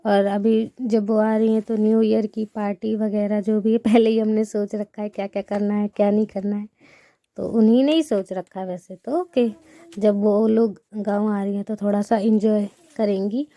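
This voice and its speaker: Sweeping and mud-plastering her village home, this young Indian vlogger talks casually to her viewers despite a sore throat, rambling and treating them like friends. Her mid-range voice is dark, with little pitch movement and a moderate pace, on a dry recording.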